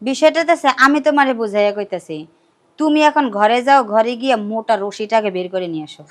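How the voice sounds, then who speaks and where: Young woman as scheming bossy girl, high fast voice, dry sound. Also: no room sound, lightly acted. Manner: brisk, sly and commanding. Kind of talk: comedy TV play acting.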